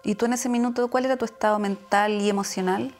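A woman hosting a podcast, delivering measured, scripted narration and interview questions. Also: mid-range voice, fairly even intonation, soft background music.

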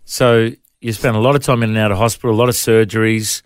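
A man's voice: fairly low pitch, fairly even intonation, quick pace, smooth, dry recording. A man with an Australian accent hosting a conversational interview. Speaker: interview show host.

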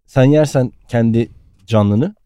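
A man co-hosting a podcast, telling playful bits in an animated, casual way. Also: mid-range voice, slow pace, clean tone, no room sound, studio quality. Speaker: podcast co-host. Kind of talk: casual comedic chat.

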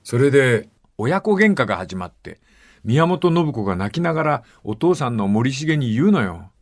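An older man hosting a radio talk show, reading listener letters and telling stories with lively dialect voices. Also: mid-range voice, moderate pace. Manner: lively storytelling, acting out dialect dialogue. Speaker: radio host.

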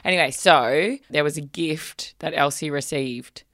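Low gravelly aussie woman chatting, reads letters out then riffs on them, dry close mic. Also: unhurried, fairly bright tone, no room sound. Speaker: podcast co-host. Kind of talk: casual chat, reading listener letters.

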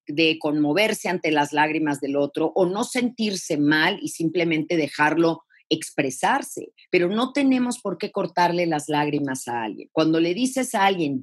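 A woman thanatologist with a Mexican accent giving advice in a podcast interview, expressive and full of rhetorical questions. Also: lowish voice, husky. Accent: Mexican Spanish. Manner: expressive, acts out quoted phrases, rhetorical questions. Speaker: thanatologist guest.

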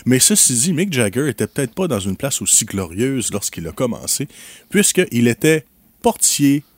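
Brief: Québécois radio columnist, male, mid-pitched, very animated intonation, dry close studio sound. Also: moderate pace, dry recording. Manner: animated storytelling with playful asides. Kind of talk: morning radio chat. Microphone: studio microphone.

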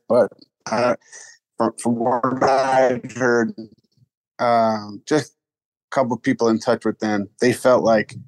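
A man in casual sports talk who reports in a measured way on what his sources say. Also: medium pitch, no echo, low-quality recording.

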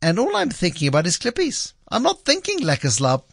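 A man's voice: high voice, wildly swooping pitch, a little fast, creaky, fairly bright tone, no echo, clean studio sound. A man hosting a radio show with conversational commentary, emphatic and repeating phrases for effect.

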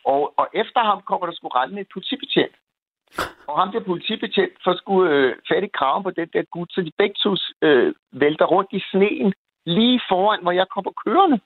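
A man calling in to a radio show, telling a story in an animated, swearing way. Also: sits high, no echo. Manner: animated, swearing storyteller, gets loud when retelling shouting. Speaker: caller. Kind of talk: phone-in storytelling. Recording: tinny phone line.

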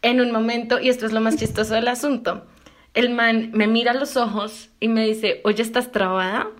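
A woman telling a story in casual chat, animated, laughing and swearing. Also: a little high, normal speed.

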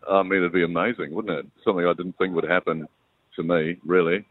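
A New Zealand man speaks in a low voice over a narrow phone line. He is out catching a bus and talks casually, with a halting, modest manner. The sound is close and dry. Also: steady tone, no room sound. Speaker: radio broadcaster on a phone call. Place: on the phone at a bus stop, then on a bus.

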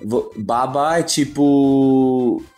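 A man's voice: mid-range voice, drawn-out words, a little mellow, faint music behind. A man taking part in a casual quiz, thinking aloud hesitantly with many restarts. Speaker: quiz contestant. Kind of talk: casual game chat.

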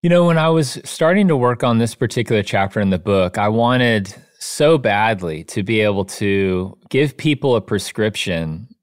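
A man's voice: fairly low pitch, expressive, normal speed, few pauses. Earnest man telling stories. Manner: earnest, storytelling, many "you know" fillers. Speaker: author and guest. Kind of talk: casual interview chat.

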